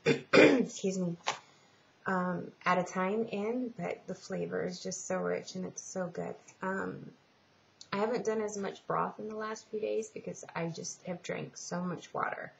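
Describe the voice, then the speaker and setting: A woman giving a casual personal update in a halting, rambling way with trailing pauses, like a home vlogger. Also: lowish voice, vocal fry. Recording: muffled, lo-fi home recording with hiss.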